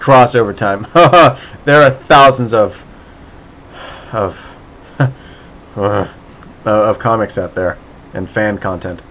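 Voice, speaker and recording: A man's voice: lowish voice, takes it slowly, long pauses, fairly bright tone, slight background noise. A man chatting casually as a streamer answering his chat, sarcastic and playful, with mock-dramatic outbursts and frequent laughing restarts.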